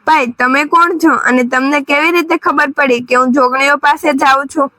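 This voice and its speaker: A woman's voice: high voice, fairly even intonation, normal speed, sharp tone, no room sound. Woman voicing an astonished king.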